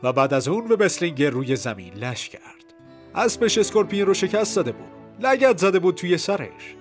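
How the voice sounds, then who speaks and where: A man narrating a story in a scripted, lively way, acting out the characters. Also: high voice, faint music behind. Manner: lively storyteller who acts out the voices.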